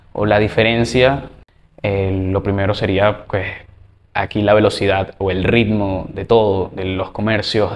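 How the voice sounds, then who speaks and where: Venezuelan man, interviewee, hesitant casual testimony, faint hiss. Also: fairly low pitch. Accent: Venezuelan Spanish. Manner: hesitant, many fillers.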